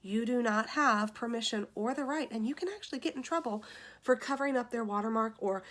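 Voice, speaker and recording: A woman's voice: a little high, fairly quick, a bit bright. A woman giving a casual tutorial on making social media graphics, chatting to viewers through a phone in her room. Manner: chatty, addresses viewers as you guys and y'all. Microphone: phone camera pointed at ceiling.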